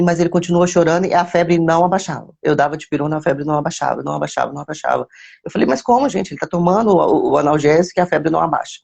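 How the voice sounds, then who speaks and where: Woman, gravelly fry, faith testimony, repeats phrases for emphasis, greets live viewers. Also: sits low, a little mellow. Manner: addresses viewers by name mid-story. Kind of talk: personal testimony, casual storytelling.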